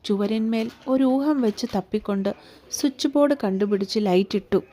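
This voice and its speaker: A woman narrating a romance story in a calm, measured storytelling manner. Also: medium pitch. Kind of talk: scripted narration.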